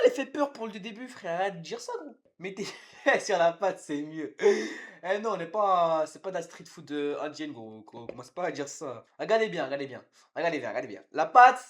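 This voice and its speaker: A young man live-streaming from his home kitchen, chatting loudly with viewers, swearing and teasing them while he cooks. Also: sits high. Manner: loud, excitable, swears and teases chat. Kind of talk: casual live-stream chat while cooking.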